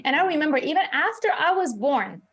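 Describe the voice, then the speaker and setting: A woman's voice: sits high, sing-song, fairly quick, fairly bright tone, faint music behind. A middle-aged woman born in Iran, a crypto author and CEO, answering in a live news interview in a chatty way, with lots of fillers.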